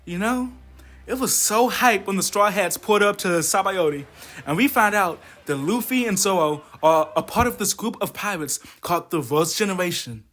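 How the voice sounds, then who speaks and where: A man's voice: high voice, animated, normal speed, fairly bright tone. A man doing a comedic anime commentary rant, exasperated, profane and mocking. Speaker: video essayist.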